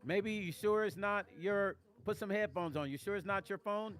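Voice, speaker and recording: A man's voice: high-pitched, normal speed, a bit bright. An older man hosting a casual livestream, talking emotionally and rambling to viewers on a close studio mic. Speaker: vlog host.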